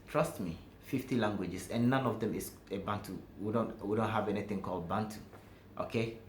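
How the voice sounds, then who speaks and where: A man from Ghana with a Ghanaian accent, speaking emphatically and directly to viewers in a talking-to-camera vlog. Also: on the low side. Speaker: vlogger. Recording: echoey room with faint background noise.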